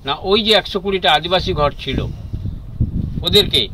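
A man's voice: high voice, normal speed, sharp tone, rough recording. A man, giving guided tour commentary on a boat deck and laying out his points one by one. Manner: explanatory, counts points off as a lecture. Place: open deck of a boat at sea. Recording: wind and boat noise outdoors.

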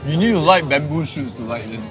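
A man's voice: fairly high pitch, lively intonation, fast, music in the background. A man hosting a food vlog, chatting eagerly as he tastes dishes at an outdoor night market. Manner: enthusiastic, chatty while eating. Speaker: food vlogger host. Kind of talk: casual food vlog chat.

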